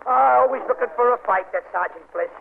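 A man's voice: very high-pitched, a little fast, vocal fry. An actor playing a wry, slangy male Marine private in an old-time radio comedy. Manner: folksy, slangy. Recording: tinny, noisy old radio recording.

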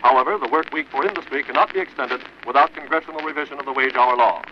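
A man's voice: medium pitch, quick pace. An American man reading a formal, declamatory 1940s radio newscast in an old newsreel manner. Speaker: radio news announcer. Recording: noisy, muffled 1940s radio broadcast. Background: loud radio noise.

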